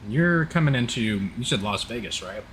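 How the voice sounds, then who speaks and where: The recording is low quality, with steady background noise, capturing a mid-range male voice at normal speed. The speaker is an Oklahoman from the southern United States, teasing casually on voice chat while he live-streams a flight simulator.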